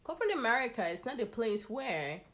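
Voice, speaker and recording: A woman's voice: a little high, sing-song, brisk, fairly bright tone. A woman in a casual conversation, speaking emphatically and giving advice drawn from her own experience.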